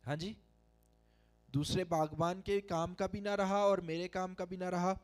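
A middle-aged Pakistani pastor with a Pakistani Urdu accent, preaching a sermon into a handheld mic in a large church hall, with emphatic calls to the congregation. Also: male voice, high voice, level tone, unhurried. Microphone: handheld microphone.

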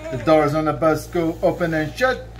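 A man's voice: fairly high pitch, moderate pace. A man in his thirties singing a children's song from a book to his child in a bedroom, playful and sing-song, drawing out the line endings. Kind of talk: sung read-aloud of a children's song. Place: bedroom, lying on a bed. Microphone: camera a few feet away.

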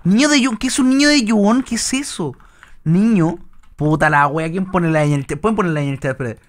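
A man's voice: high-pitched, fairly quick, slight background noise. A young man with a Chilean accent, reacting on a live stream and swearing casually at his chat. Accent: Chilean Spanish. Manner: crude, swearing, talking to chat.

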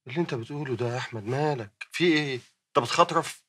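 An actor playing a rapid, concerned Egyptian friend. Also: male voice, medium pitch, noisy background, natural voice. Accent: Egyptian Arabic. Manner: soothing, questioning, urgent. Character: concerned friend trying to calm a broken man.

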